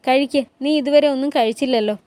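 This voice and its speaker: A woman voicing a commanding male sultan in a recap of a historical TV drama, giving his lines in a measured, gently authoritative way. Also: sits high, no room sound, close to an everyday voice. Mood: calm.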